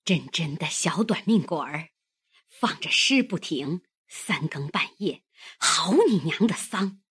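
A woman's voice: low-pitched, expressive, slow pace, fairly bright tone, husky, full character voice. A woman voicing a coarse, ill-tempered old nursemaid who mutters curses in an audiobook. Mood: grumbling. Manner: muttering, cursing. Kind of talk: audiobook character reading.

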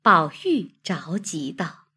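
A woman narrating a classic novel in a slow, expressive reading style. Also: lowish voice, slightly rough. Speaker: storyteller.

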